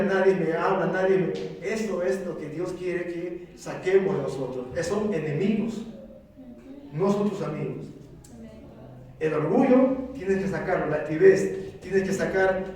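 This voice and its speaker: A man's voice: sits high, a little mellow, a little hiss or hum. A man preaching a sermon to his congregation, speaking fervently and asking them questions. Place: church sanctuary. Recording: very echoey church, mic at a distance.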